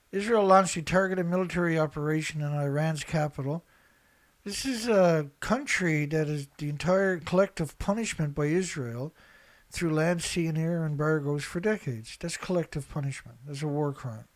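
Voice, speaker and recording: On what seems an unscripted online show, an online commentator and activist host with a slightly high voice reads headlines and reacts. His delivery is blunt, emphatic, and colloquial, driving points home through repetition.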